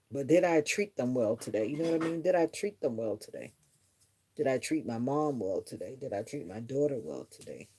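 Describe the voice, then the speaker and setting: A middle-aged woman livestreams casually, musing earnestly to her viewers in a reflective, rambling way. Her voice is a mellow bass, with a little hiss or hum in the audio.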